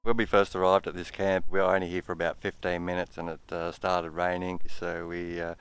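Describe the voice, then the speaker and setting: A man's voice: deep voice, level tone, fairly quick, fairly bright tone, clean tone. An Australian man casually talking through his bush camp and gold prospecting, easygoing and chuckling now and then. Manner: easygoing, laid-back, chuckles often. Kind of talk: casual outdoor vlog narration.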